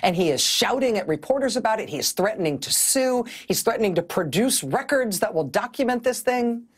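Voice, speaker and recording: Wry, husky-voiced woman news host. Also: fairly high pitch, lively intonation, fairly quick. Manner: wry, sardonic, often laughing mid-sentence. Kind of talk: televised political commentary.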